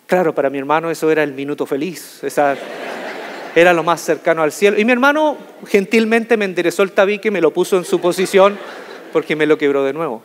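A man with a notably high voice tells a funny personal story from a stage. He is animated and jokey and leans on key words for effect. His voice rings out with the long reverb of a large hall. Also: fast, a little hiss or hum. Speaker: motivational speaker. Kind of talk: humorous storytelling talk to an audience.

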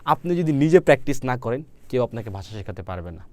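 A man's voice: medium pitch, sing-song, fast, dry recording. A man teaching Arabic to Bengali speakers, repeating each phrase several times and then explaining it in Bengali with a Bangladeshi accent. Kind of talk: language lesson with drilled repetition.

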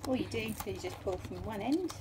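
A woman, the vlogger's mother, helping in a home kitchen and giving brisk, matter-of-fact corrections. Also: mid-range voice, expressive. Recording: distant voice with loud kitchen noise.

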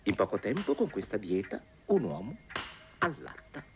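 Leopoldo, a chuckling old inventor. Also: male voice, lowish voice, very animated, moderate pace, soft background music. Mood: boastful chuckling. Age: older. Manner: chuckling, boastful. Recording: dull old film soundtrack.

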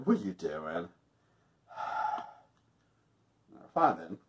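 Low-pitched, very animated, and very slow, a man in his thirties chats while testing a laundry product, laughing and joking frequently. The casual review is recorded on a camera mic in a small indoor space against a star-covered backdrop.

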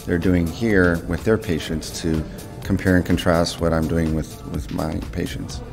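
A man, a radiology professor, speaking calmly and measuredly in an interview. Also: deep voice, measured pace, gravelly. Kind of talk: interview testimonial. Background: music bed.

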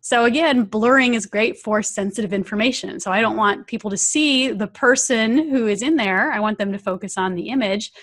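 A woman's voice: fairly high pitch, moderate pace, few pauses, fairly bright tone. A woman hosting a webinar, talking through a screen recording walkthrough and prompting her audience with questions. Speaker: webinar host and trainer.

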